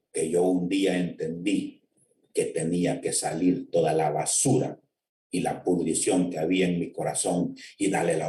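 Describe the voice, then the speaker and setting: A man with a Honduran accent preaches his testimony in a low voice, fervent and direct with his listeners. The sound is echoey and roomy. He is some distance from the mic, over a faint hiss. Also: a little mellow. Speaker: lay preacher giving testimony. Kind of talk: testimony sermon. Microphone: connected online.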